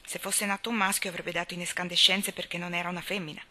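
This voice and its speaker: A woman's voice: fairly low pitch, little pitch movement, fast talker, sharp tone. A woman voicing an opinionated, gossipy spinster neighbor who speaks emphatically.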